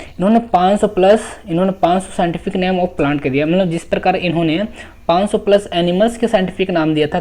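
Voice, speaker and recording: A man's voice: high-pitched, warm tone. Man teaching, answering his own questions. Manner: asks questions and answers them himself, repeating key terms; drawls English terms slowly, with frequent self-corrections. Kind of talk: exam coaching lecture.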